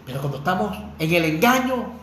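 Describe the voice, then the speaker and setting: A man preaching with fervor, his voice sitting high for a man. He keeps turning to his listeners with pointed rhetorical questions. The sermon rings through a roomy, echoey space with a faint hiss behind it. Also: big pitch swings, fairly quick, a bit bright. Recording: echoey room with faint noise.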